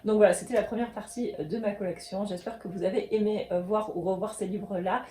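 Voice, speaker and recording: A woman in her thirties with a mellow, warm tone talks casually to her viewers. She gushes happily over what she shows and keeps stopping on small hesitant fillers. Her pitch sits in an ordinary middle range. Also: fairly even intonation, fast talker, slight background noise. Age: 30s. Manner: gushing, hesitant with many fillers. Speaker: coloring book vlogger. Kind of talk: casual show-and-tell chat.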